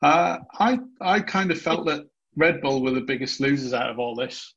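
A man's voice: fairly high pitch, lively intonation, normal speed, gravelly, a bit bright, husky, muffled recording. A man hosting a podcast in casual interview chat, with a hesitant, rambling way of talking. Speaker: podcast host.

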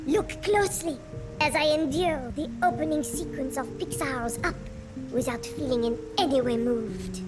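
A woman playing a solemn circus flea who theatrically claims to feel nothing, in a comedy sketch. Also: high-pitched. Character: melodramatic stoic female flea performer, secretly overemotional.

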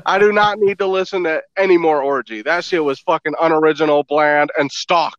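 A man's voice: fairly high pitch, fairly quick. A man co-hosting a podcast in casual banter, blunt and scornful, swearing heavily. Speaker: podcast co-host. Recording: dull lo-fi mic.

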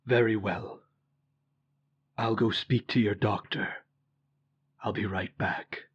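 A man playing a solemn doctor who speaks in a grave, measured way. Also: lowish voice, fairly even intonation, slightly rough. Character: calm, solemn male doctor. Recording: dull, muffled sound.

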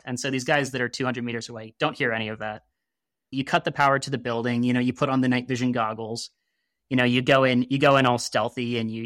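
Dude rambling on a podcast, lots of you know and like, dry sarcastic, dead dry mic. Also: male voice, medium pitch, fairly bright tone, dry recording. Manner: wry, sarcastic asides. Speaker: podcast co-host discussing a video game. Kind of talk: casual podcast chat.

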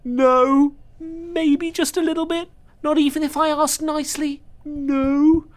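A woman's voice: high voice, level tone, slow, soft background music. A woman voicing a cheerful, whimsical crew member in a comedy audio drama, playful and sing-song.

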